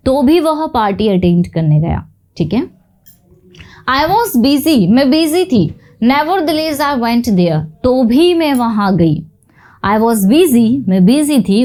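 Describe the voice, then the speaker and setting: Lively woman teaching grammar. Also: on the high side. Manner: explains slowly, reads English examples out word by word; checks in with listeners often. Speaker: English teacher. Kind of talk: bilingual grammar lesson.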